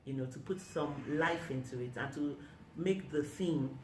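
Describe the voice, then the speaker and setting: A woman author reading aloud from her own book of short stories in a measured, deliberate way. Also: sits low, a little mellow. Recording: echoey room, mic at a distance, noisy.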